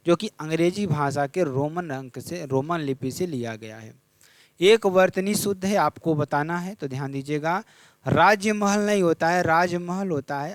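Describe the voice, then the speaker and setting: A man's voice: fairly high pitch, dry recording. A young man teaching a Hindi exam revision lesson, repeating each question and checking in with his students.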